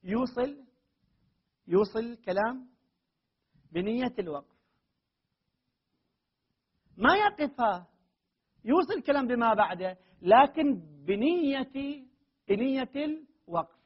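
A man with a high, husky voice lectures on grammar, repeating his points and leaning hard on key words. The recording is dull and lo-fi. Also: big pitch swings. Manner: explains slowly with repeated phrases, rises to emphatic stresses. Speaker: teacher of Arabic grammar and Quran readings. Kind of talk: classroom lecture.

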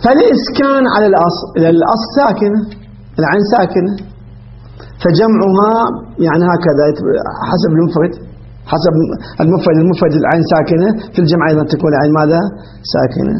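A man's voice: a little high, quick pace, dull audio, a little hiss or hum. A man teaching a classroom grammar lesson, asking questions and answering them himself.

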